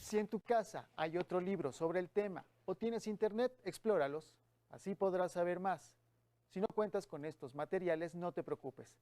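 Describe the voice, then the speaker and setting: A man reading a calm, scripted voice-over for a children's lesson, speaking directly to the child. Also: high voice. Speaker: program announcer.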